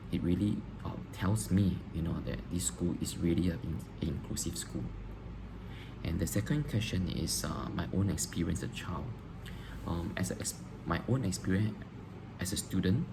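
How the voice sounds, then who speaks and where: Applying for a teaching job, a man answers interview questions on video in a low voice with vocal fry. He's hesitant, pausing often with ums and restarting phrases, and background hiss makes the recording noisy.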